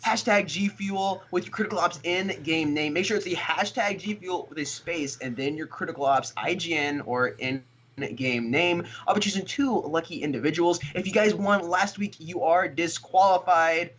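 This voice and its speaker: A man's voice: on the high side, normal speed, a bit bright. An American man moderating an esports livestream, announcing giveaway winners in an upbeat, casual way. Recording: slightly dull lo-fi stream audio.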